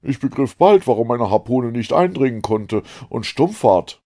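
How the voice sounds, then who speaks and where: A man voicing a loud, blunt harpooner. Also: medium pitch, lively intonation, moderate pace, voice pushed up. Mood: bold. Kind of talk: audiobook character voice.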